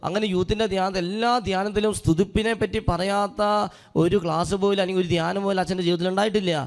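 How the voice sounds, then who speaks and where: Preacher with a gravelly voice. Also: male voice, high-pitched, steady tone, fast talker. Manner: earnest storytelling, acts out quoted speech. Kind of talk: sermon with a personal story. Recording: long hall reverb.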